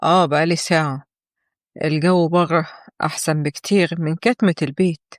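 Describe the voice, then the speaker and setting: A cold, contemptuous husband, played by a woman narrator in an Egyptian audio story, speaking low and flat. The voice stays even and disdainful, and the sound is dry and close. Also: brisk, no room sound, close to an everyday voice. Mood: curt. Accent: Egyptian Arabic. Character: cold, scornful husband, adult man.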